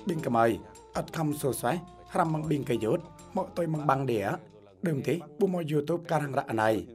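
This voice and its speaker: A man giving scripted narration for a television feature, reading in a steady, even way. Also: on the high side, fairly quick, soft background music. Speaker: news narrator.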